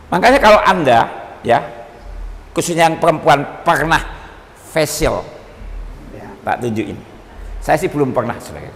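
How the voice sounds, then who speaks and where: A male pastor preaches with humor, calling out to his congregation in a high, lively voice. His words ring through a church hall with a long reverb. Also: normal speed, pauses often. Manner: animated, joking, often addresses listeners as brothers. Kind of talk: sermon.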